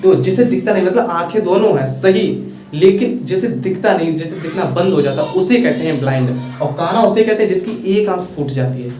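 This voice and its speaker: Indian man teaching, echoey and distant. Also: high-pitched. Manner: repeats words slowly, spelling them out. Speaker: English teacher. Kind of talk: casual video lesson. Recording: echoey room, far from mic, faint hiss.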